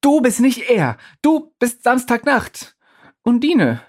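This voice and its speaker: A man voicing a panicked young man who shouts frantically at the spirits around him. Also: very high voice, wildly swooping pitch, slow pace, pitched above the performer's own voice, exaggerated voice. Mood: pleading shout.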